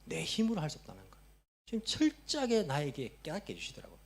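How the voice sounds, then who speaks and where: A man preaching a sermon as pastor of a church, swinging between loud exhortation and hushed prayer. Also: fairly high pitch, wildly swooping pitch, fast. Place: church sanctuary.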